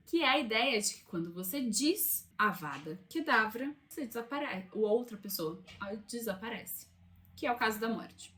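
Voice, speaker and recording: A young Brazilian woman talks to her camera about books in a relaxed, chatty way, with a voice sitting a little high. She recorded it indoors beside a window and often drops side remarks to the viewers. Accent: Brazilian Portuguese. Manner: chatty, conversational, asides to viewers. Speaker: book channel host. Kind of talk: casual talking-head vlog. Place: room by a window.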